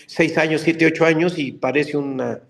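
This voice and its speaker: An older man, a dubbing actor telling stories in a casual interview, animated and slipping into character voices. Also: a little high, moderate pace, vocal fry. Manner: animated, slips into character voices mid-story. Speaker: voice actor and dubbing director guest.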